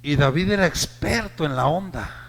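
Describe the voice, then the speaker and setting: A man, a pastor with a Mexican Spanish accent, preaching a sermon to his congregation, rising to shouted peaks and acting out the voices he quotes. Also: on the high side, lively intonation, normal speed, vocal fry, big-room sound. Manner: addresses the congregation directly with call-and-response prompts.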